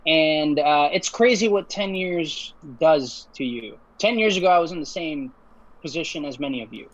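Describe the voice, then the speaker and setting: A man's voice: on the high side, moderate pace, dry recording. Earnest young man on a muffled call. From Ecuador, raised in Puerto Rico. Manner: earnest, relaxed, with frequent fillers and restarts. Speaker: engineer, guest speaker. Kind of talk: casual webinar talk. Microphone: video call. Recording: muffled video-call audio.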